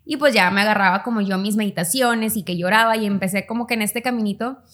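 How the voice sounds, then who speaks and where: A young woman, chatting casually on a podcast and acting out quoted dialogue as she tells a personal story. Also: a bit bright. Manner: storytelling, acts out quoted dialogue in quick higher tones. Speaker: podcast co-host. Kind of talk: casual chat.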